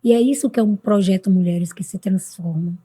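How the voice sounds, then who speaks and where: Earnest Brazilian woman with a mellow voice. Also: brisk, husky. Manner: earnest, with sudden high-pitched bursts when quoting others. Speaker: podcast guest, mentor for women. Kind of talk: casual interview talk.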